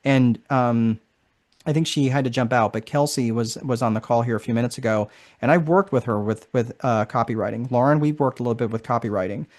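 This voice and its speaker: A man's voice: mid-range voice, brisk, a little mellow. A man hosting a live online course session in a casual, chatty way, often tagging sentences with "right?". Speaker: marketing strategist presenting a course.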